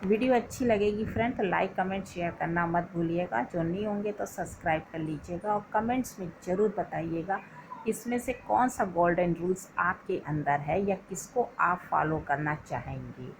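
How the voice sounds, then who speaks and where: A woman's voice: on the low side, moderate pace, background noise. A woman hosting a motivational video, giving casual spoken advice to viewers in a chatty, repetitive way and calling them friends. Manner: chatty, repeats phrases, addresses viewers as friends.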